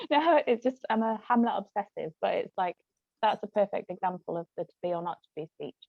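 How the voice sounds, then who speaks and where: In a relaxed discussion, a woman who is a guest author and actress chats at a slightly quick pace, wandering from point to point. Her medium-pitched voice is gravelly, with lively intonation. Muffled, phone-like lo-fi sound and room echo color the recording.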